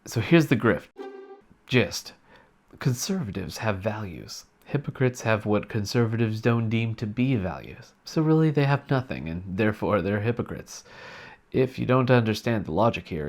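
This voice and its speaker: A man delivering a scripted sarcastic comedy rant in a mock-earnest, deadpan manner. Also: lowish voice, moderate pace. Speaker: satirical commentator.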